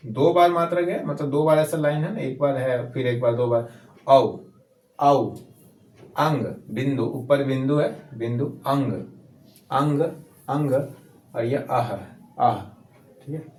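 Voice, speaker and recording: Patient Hindi teacher in an echoey room. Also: male voice, mid-range voice, fairly even intonation, darkish tone. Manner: slow, repetitive, patient letter-by-letter explaining. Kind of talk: casual handwriting lesson.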